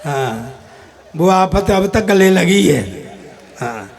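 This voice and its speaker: A man with a high voice performs stage comedy at a festival, speaking into a microphone. He talks straight to the crowd and the guests, acting out both sides of the dialogue in his jokes. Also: animated, slow, vocal fry. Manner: jokey, addresses audience and dignitaries, acts out dialogue. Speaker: comic poet.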